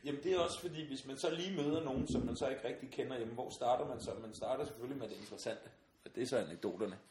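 A man spins a lively comic anecdote in a relaxed chat, slipping into the voices of the people in his story and breaking into laughter. The room sounds roomy and echoing, with a faint hiss of noise under his mid-pitched voice. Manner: animated storyteller, acts out voices, laughs often. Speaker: podcast guest. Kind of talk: casual anecdote telling.

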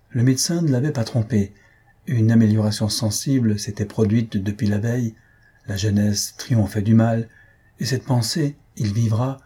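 A man calmly narrating a novel as an audiobook reader. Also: fairly low pitch, husky.

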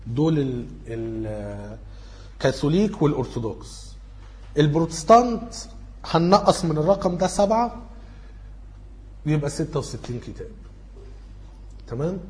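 Egyptian man lecturing, fairly high voice. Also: animated, normal speed, long pauses. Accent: Egyptian Arabic. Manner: thinks aloud, corrects himself mid-sentence. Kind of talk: informal lecture going through study questions.

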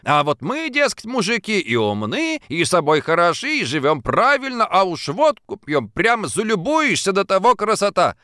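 A quick-tempered young factory girl, as a male reader puts her on in an audiobook, scolding and teasing in a raised, animated voice. The sound is close and dry. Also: high voice, no room sound, pitched above the performer's own voice, exaggerated voice. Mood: indignant scolding. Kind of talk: audiobook character voice.

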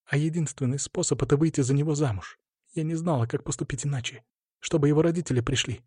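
A man voicing an anxious young woman who pleads in a rushed way. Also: a little high, warm tone, breathy edge, no room sound, clean studio sound. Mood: pleading.

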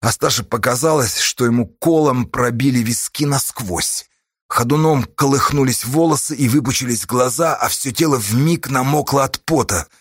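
A man reads a dramatic audiobook with intensity, pushing his pitch up sharply at tense moments. His voice is husky, at a middling pitch. The recording is dry and close. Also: moderate pace, no room sound. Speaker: audiobook narrator.

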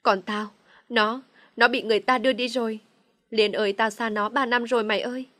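A woman's voice: a little high, steady tone, a little fast, sharp tone, dry recording. A woman reading a storybook, voicing a young mother who pleads through her tears. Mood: grieving.

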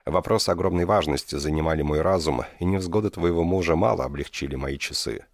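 A man voicing a proud, commanding prince who speaks in a measured, authoritative way. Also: deep voice, dry recording, studio quality.

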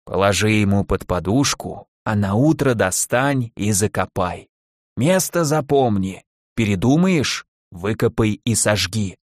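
A man voicing a toothless old village witch woman in an audiobook, asking slow, drawn-out questions and muttering her spells through the nose. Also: lowish voice, animated, no room sound, clean studio sound, pitched below the performer's own voice. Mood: stern. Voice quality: nasal muttering during the spell. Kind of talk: audiobook character voice.

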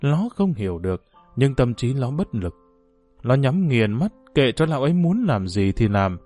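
A man reading a novel aloud as an audiobook, with a lively, swinging pitch at a middling height. His storytelling is expressive, and faint music plays beneath the voice. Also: normal speed. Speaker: narrator.

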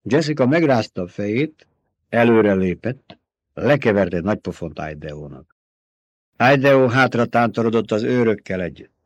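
A man narrating an audiobook with an expressive, dramatic reading. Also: on the low side, dry recording, highs cut off.

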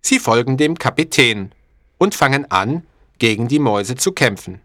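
A man narrating a storybook slowly and clearly, in a deliberate, expressive way for language learners. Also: mid-range voice, no echo, studio quality.

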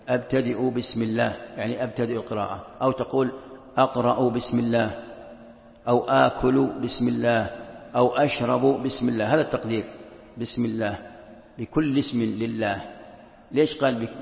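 A man's voice: mid-range voice, creaky. A man who is an Islamic scholar, teaching a classroom lesson, repeating key phrases and asking and answering his own questions. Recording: echoey, dull lo-fi hall recording.

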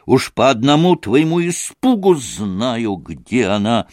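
A man's voice: medium pitch, very animated, slow pace, dry recording, clean studio sound. Frantic hot-tempered young man, read by a man. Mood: frantic, desperate. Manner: frantic, shouting, urgent.

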